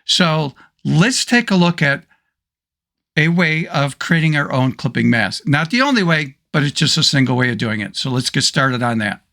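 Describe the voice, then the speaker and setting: A man with a hoarse voice, casually talking through a photo editing tutorial step by step. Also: a little high, animated, normal speed, bright, forceful tone. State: hoarse, losing his voice. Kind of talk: screen-recorded software tutorial.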